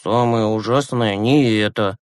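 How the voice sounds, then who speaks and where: A man reading an audiobook, voicing a timid, gentle young boy who speaks softly and hesitantly. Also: lowish voice, fairly even intonation, a little slow, clear, resonant tone, no echo, clean studio sound, voice pushed down, natural voice. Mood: sad. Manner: hesitant, soft.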